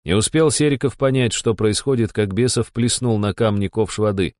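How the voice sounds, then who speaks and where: A man narrating a first-person story with a steady, wry delivery. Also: on the low side, normal speed, no room sound, clean studio sound.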